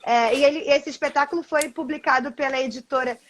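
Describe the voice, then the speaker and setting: A woman's voice: high voice, fairly even intonation, fast, a little hiss or hum. A woman hosting a live-stream interview from home over a video call, effusive and laughing often. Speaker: host.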